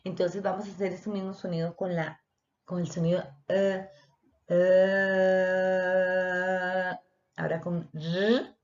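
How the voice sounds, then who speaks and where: A woman's voice: fairly low pitch, steady tone, moderate pace, dark tone. A woman teacher, explaining a lesson and speaking directly to her students. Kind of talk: online voice lesson. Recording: dull lo-fi recording.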